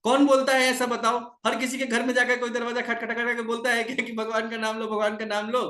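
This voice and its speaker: A man's voice: very high voice, completely flat delivery, fast talker, bright, forceful tone, echoey room, voice pushed up. A man voicing a saintly figure who protests indignantly that he is not mad.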